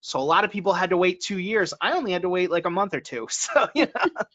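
Over a video call with a headset, a podcast co-host chats casually, laughs often and performs the lines he quotes. His voice is high, a little bright and animated, and he talks quickly, though the call audio comes through dull and lo-fi.

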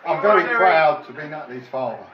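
A man's voice: on the high side, fairly quick, crowd noise. Distant, echoey father giving a speech. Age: middle-aged. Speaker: father of the bride. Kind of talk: prepared wedding speech. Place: large function room at a wedding reception. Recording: echoey room, distant mic, muffled, loud noise.

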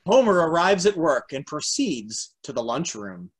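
Hosting a video-call table read from home, an American man in his forties narrates stage directions and trivia in a sing-song voice on the high side. His pace is measured and his voice has a breathy edge. His computer sits at arm's length, and the call carries noise and clicks.

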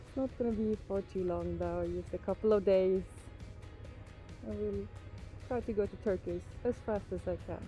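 A chatty woman from Sweden talks through her road trip outdoors, easygoing and thinking aloud as she goes. Her voice sits at a middle pitch. Clear music plays under her words. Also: moderate pace, mellow, low-quality recording. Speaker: motorcycle travel vlogger. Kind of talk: casual vlog narration.

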